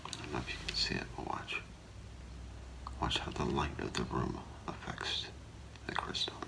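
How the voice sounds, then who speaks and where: In an ASMR role play, a middle-aged man plays a gemologist, gently talking a client through an appraisal in a breathy, low whisper with a gravelly creak. His hushed delivery is unhurried and halting, yet the intonation stays lively. He sits before a curtain in a small indoor room, and the recording quality is low.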